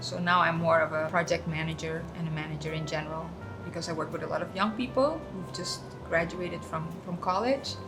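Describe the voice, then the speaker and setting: A woman's voice: on the low side, a little fast, few pauses, poor audio. Chatty woman over guitar music. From Suriname. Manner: relaxed, storytelling, frequent ums and uhs. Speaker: guest. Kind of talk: casual interview chat. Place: cafe.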